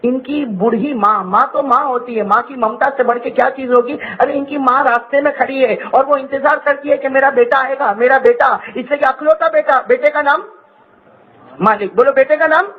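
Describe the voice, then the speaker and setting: Man with a really high voice preaching, gets the crowd to say stuff back, dull muffled sound. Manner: call-and-response, urging the crowd to repeat; impassioned, rising to shouts. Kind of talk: emotional sermon storytelling. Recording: muffled low-fidelity recording.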